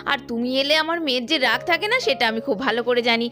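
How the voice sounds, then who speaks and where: A woman's voice: on the high side, rapid-fire, bright, forceful tone. A woman narrating a doll cartoon story and speaking as a scolding mother.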